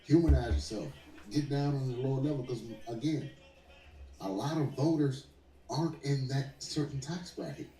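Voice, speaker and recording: A man's voice: medium pitch, normal speed, warm tone, roomy sound, low-quality recording. A man co-hosting a casual wrestling podcast, talking bluntly and crudely, often repeating and restarting his words. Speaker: podcast co-host.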